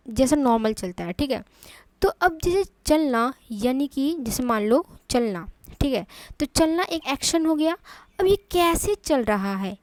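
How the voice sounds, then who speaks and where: A woman with an Indian accent teaching English grammar in Hindi. She explains step by step, repeats key terms and reads English example sentences out slowly. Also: on the high side, a little mellow, dry recording.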